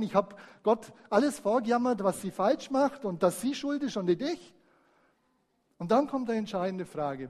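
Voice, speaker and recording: A man preaching a sermon, lively, swinging between loud emphasis and quiet asides. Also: high-pitched. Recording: reverberant hall.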